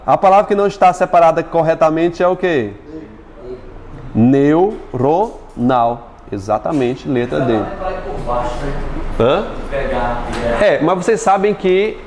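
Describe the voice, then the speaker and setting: A man with a Brazilian Portuguese accent teaching an exam-prep lesson, chatty and joking, stretching words out slowly as he splits syllables. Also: a little high, darkish tone, slight background noise. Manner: chatty, jokes with students, spells words out slowly.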